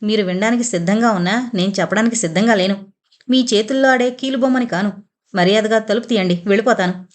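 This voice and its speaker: A woman's voice: medium pitch, fast talker, natural voice. A proud, wounded young man speaks with fiery passion and indignation, as a woman reading the story puts him on. The voice stays close to her everyday tone. He sounds like a storybook lover who bristles easily. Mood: indignant.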